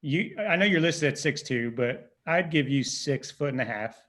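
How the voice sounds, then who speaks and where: A man's voice: a little high, expressive, normal speed, a bit bright. Filler-heavy male interview host. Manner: enthusiastic, filler-heavy, teasing. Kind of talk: casual interview chat.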